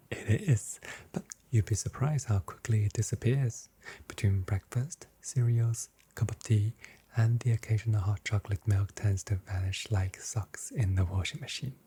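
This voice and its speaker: Playing a shop assistant in an ASMR customer service role play, a person whispers softly in a breathy, gentle voice, delivering playful, carefully worded sales talk. The pitch sits in the middle, with a faint hiss or hum.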